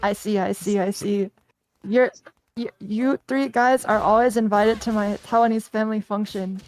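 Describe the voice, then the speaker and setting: A woman chatting casually while learning a fighting game, repeating words and reacting quickly. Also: mid-range voice, fairly even intonation, poor audio. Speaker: player being coached. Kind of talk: casual chat.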